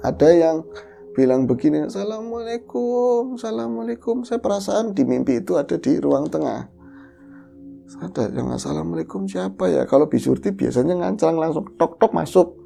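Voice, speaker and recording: A woman host retelling a listener's ghost story in the first person, lively and animated, acting out the quoted voices. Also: sits low, normal speed, gravelly, a little hiss or hum. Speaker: horror story podcast host.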